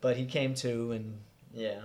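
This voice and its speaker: Animated man retelling stories, laughing. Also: medium pitch, unhurried. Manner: animated storyteller, laughs often. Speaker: podcast co-host. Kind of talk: casual movie chat.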